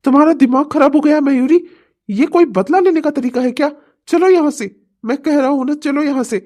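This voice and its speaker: A woman's voice: on the high side, normal speed, mellow, lightly acted. A woman voicing a frustrated husband in a cartoon comedy, scolding his wife and then begging her to come home. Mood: angry. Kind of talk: Hindi cartoon comedy voice acting.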